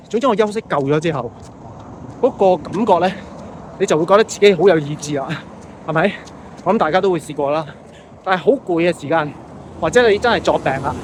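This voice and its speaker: A man with a fairly high voice and a Hong Kong Cantonese accent chats off the cuff like a vlogger. He talks conversationally, tossing in rhetorical check-in questions. Faint outdoor traffic noise sits behind him. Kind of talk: unscripted casual monologue.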